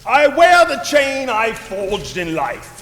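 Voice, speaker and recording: A man playing the raspy, mock-solemn ghost of a dead business partner in a comic stage play, recorded in a reverberant hall. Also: extremely high pitch, wildly swooping pitch, slow pace, a bit bright, heavily acted. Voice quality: put-on raspy voice. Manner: theatrical, mock-solemn with jokes and laughter. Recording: roomy hall with long reverb, faint noise.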